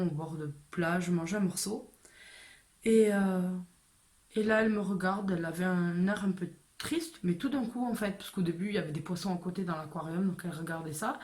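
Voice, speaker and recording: A woman telling a personal story to camera in a casual way, hesitant with many fillers and restarts. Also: mid-range voice.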